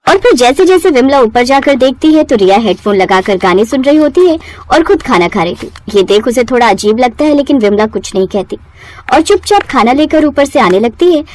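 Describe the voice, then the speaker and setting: A woman narrating a family storybook cartoon in an expressive, scripted way. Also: on the high side.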